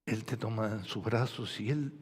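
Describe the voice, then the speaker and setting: A man with a Rioplatense accent, a pastor preaching a sermon, moving from soft gentle speech to loud fervent preaching. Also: fairly low pitch, normal speed, husky. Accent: Rioplatense Spanish. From Argentina. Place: church hall. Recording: long hall reverb.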